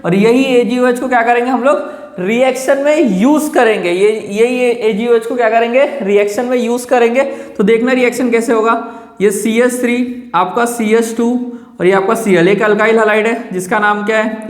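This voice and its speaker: A male chemistry teacher giving a lecture. He keeps asking rhetorical questions and answering them himself, and he repeats key terms slowly. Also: very high-pitched, fairly even intonation. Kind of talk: classroom lecture. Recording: echoey room with long reverb.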